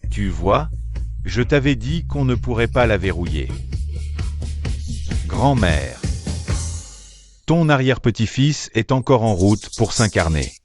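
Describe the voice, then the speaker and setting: A man's voice: fairly low pitch, big pitch swings, slow, pauses often. A man voicing a member of a bickering wealthy family in a dubbed short drama, over music. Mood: teasing. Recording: music behind the voice.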